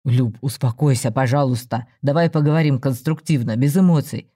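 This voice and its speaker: A man's voice: mid-range voice, steady tone, mellow, close to an everyday voice. A man voicing a smug self-assured husband. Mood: placating. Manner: slow, soothing, self-justifying. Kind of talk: audiobook story reading.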